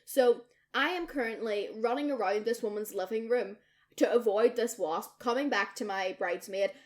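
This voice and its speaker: Young woman, slightly higher voice, casual and lively podcast storyteller with plenty of swearing. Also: normal speed. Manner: lively, swears freely, acts out quoted people. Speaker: podcast co-host.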